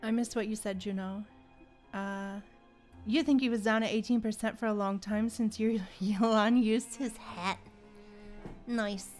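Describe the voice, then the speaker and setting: A woman hosts a casual gaming livestream, chatting playfully with viewers and thinking out loud. Her mid-range voice keeps a fairly even intonation and a slightly slow pace, with a somewhat mellow tone and faint music in the background.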